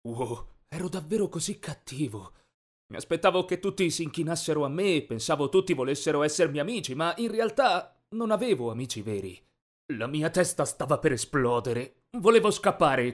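A man narrating a teen story in the first person, expressive and dramatic. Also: mid-range voice.

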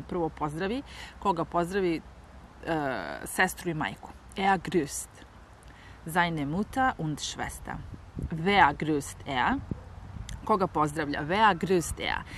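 A woman whose first language is Serbian, teaching a bilingual German lesson, repeating each phrase slowly and then translating it. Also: fairly low pitch, a little hiss or hum, low-quality recording.

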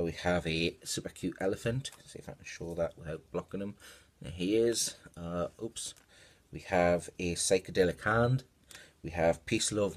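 A man hosting a casual unboxing vlog, hurriedly listing stickers one after another into a tablet microphone. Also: sits low. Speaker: vlogger.

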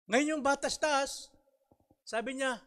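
A man's voice: very high-pitched, a little slow, fairly bright tone. A male pastor preaching earnestly, telling a story with rhetorical questions and closing in prayer.

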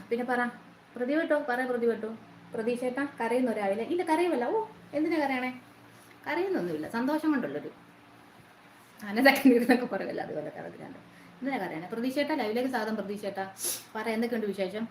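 A woman's voice: fairly high pitch, lively intonation, fast. A woman hosting a casual live stream, chatting and greeting her viewers by name one after another. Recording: roomy echo, faint noise.

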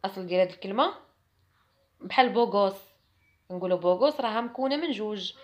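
A young woman with a Moroccan Arabic accent giving a chatty, emphatic French lesson to camera. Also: mid-range voice. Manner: chatty and emphatic, mimics others mockingly. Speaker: French teacher.

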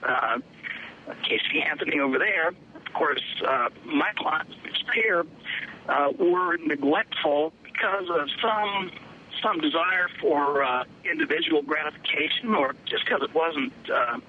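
A male defense attorney speaking in a phone-in interview, his voice muffled as if from the bottom of a well, with measured, careful legal phrasing. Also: on the high side. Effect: muffled phone line, like at the bottom of a well. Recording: dull lo-fi phone line with faint hiss.

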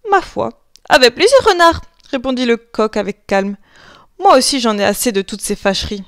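A clever, unflappable male rooster from a children's storybook, as a woman reader puts him on. He speaks calmly, in a fairly high, tranquil voice, recorded close and dry. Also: normal speed, dry recording. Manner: calm, easygoing, quietly sure. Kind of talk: storybook voice acting.

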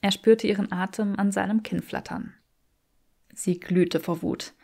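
A woman reads a fan fiction audiobook as narrator. Her voice sits at a middle pitch, calm and steady between the spoken lines. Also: a little slow, creaky. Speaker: audiobook reader.

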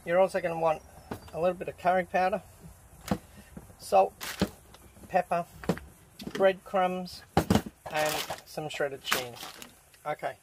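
In a tent camp kitchen, a man talks through a camp cooking recipe step by step in a relaxed, chatty way while being filmed. His voice is high-pitched and slow, broken by long pauses, and the outdoor camp recording is noisy.

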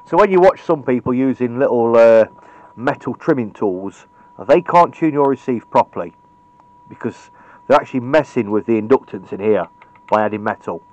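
At a cluttered electronics workbench indoors, a British radio repair hobbyist gives a blunt, opinionated, informal hands-on tutorial. His mid-range, slightly mellow voice is animated and moves at normal speed. Captured on a camera's built-in microphone, the audio sounds dull.

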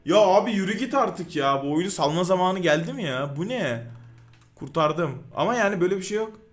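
Excitable high-voiced man commentating gameplay. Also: fairly quick, soft background music. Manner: excitable, yells at the game, frustrated outbursts. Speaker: gaming YouTuber.

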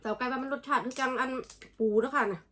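Casting: woman, Isan Thai accent, higher-pitched voice, informal eating-vlog chat with familiar, polite address to the audience. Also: fairly even intonation, fast, pushed and bright. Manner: addresses viewers familiarly with frequent polite particles. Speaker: food vlogger. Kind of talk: casual chatty eating vlog.

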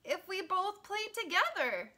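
A woman voicing a kind, gentle male wiener dog in a read-aloud picture book, speaking slowly and pleadingly. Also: very high voice, sing-song, pitched above the performer's own voice, full character voice.

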